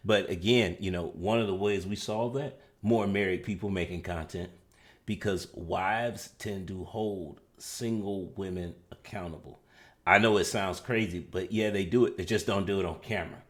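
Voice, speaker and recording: A man with a very deep, low voice explains his view on a discussion panel. He reasons in a measured way and keeps steering the conversation back to the topic.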